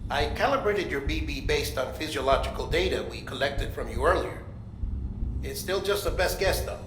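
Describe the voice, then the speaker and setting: A man's voice: fairly high pitch, animated, moderate pace, close to an everyday voice. An actor playing an eager, solicitous male medical technician explaining things animatedly in a video game. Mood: eager, helpful. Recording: very noisy, echoey.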